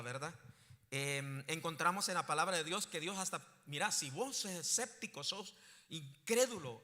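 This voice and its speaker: Male pastor, fairly high voice, church hall reverb. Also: bright, forceful tone. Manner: rising to emphatic preaching bursts, asks the congregation questions. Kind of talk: sermon.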